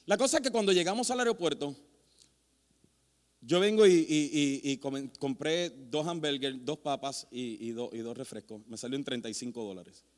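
A man preaching as a pastor, telling animated, self-mocking stories with many restarts. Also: medium pitch, moderate pace. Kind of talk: storytelling sermon. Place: church sanctuary. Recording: long hall reverb in a church.

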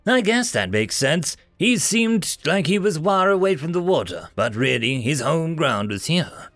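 A man's voice: a little high, very animated, unhurried, a bit bright, dry recording, faint music behind, voice pushed up. A man voicing a cheerful, teasing young male explorer in an upbeat way.

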